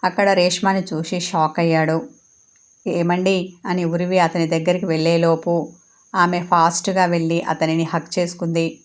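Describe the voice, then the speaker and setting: A woman author reading her own serialized romance story in a steady, even narration. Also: fairly low pitch, moderate pace.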